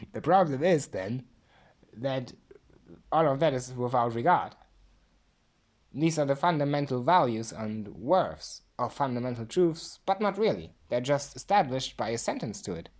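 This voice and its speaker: A woman's voice: rumbling low, lively intonation, unhurried, long pauses, darkish tone. A woman giving a drunk, rambling philosophical monologue, emphatic and repeating herself.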